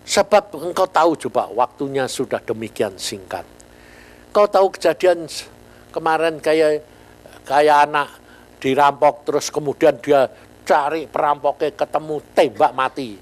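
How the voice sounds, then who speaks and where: Older guy preaching w lilt, fairly high voice, tells stories, keeps asking the crowd questions. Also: unhurried, rough recording. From Indonesia. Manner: animated storytelling, jumps to near-shouts, asks the congregation questions. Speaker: pastor. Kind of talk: sermon.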